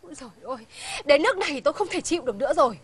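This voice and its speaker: An actress with a Northern Vietnamese accent playing an insistent, fed-up young wife in a sitcom. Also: female voice, high-pitched, animated, very fast, over music. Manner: insistent, defiant, polite to elders. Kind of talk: sitcom acting.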